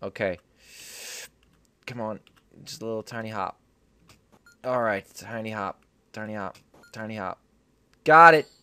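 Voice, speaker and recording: A man's voice: on the low side, animated, a little slow, long pauses, bright, forceful tone, smooth. A young man giving casual gameplay commentary, repeating short phrases to himself. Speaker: gaming video host.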